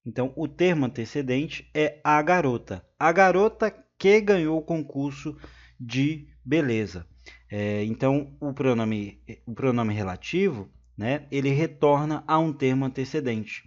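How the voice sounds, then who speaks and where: A man's voice: mid-range voice, a little slow. Brazilian man teaching grammar, repetitive. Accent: Brazilian Portuguese. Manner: repeats points, frequent "né?" checks with viewers. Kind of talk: exam-prep grammar lesson. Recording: slightly dull lo-fi sound.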